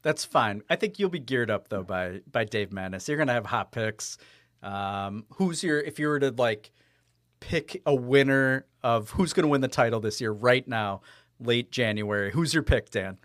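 A man's voice: mid-range voice, expressive, moderate pace, fairly bright tone, dry recording, clean studio sound. Chatty laughing man on a podcast. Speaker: sports podcast co-host. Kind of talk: casual sports betting chat.

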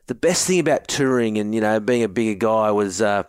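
A man's voice: fairly low pitch, brisk, clear, resonant tone, no room sound. An Australian man in his forties, a co-host telling jokey stories in casual chat and calling people mate. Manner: jokey yarn-spinner, says mate often. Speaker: co-host, former rugby forward.

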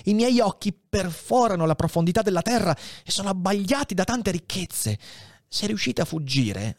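A frail old priest on his deathbed, his breath thin and his words sinking into hushed whispers, as a man reads him aloud. The voice stays higher than the reader's own and climbs and falls with feeling. The recording is close and dry. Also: no echo. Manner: weak, hushed, often whispering. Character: dying old male priest, frail and solemn. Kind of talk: dramatic reading of a novel.

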